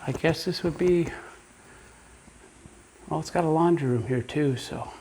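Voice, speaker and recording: A man's voice: a little high, a little slow, darkish tone, a little hiss or hum, poor audio. A man walking through a house, garage and yard, giving an easygoing home tour and thinking aloud as he goes.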